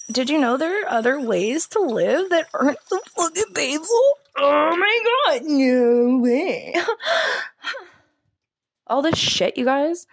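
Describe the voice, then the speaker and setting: Young woman vlogger, high voice, rambling, profane, emotional self-talk. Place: at home, lying on the floor.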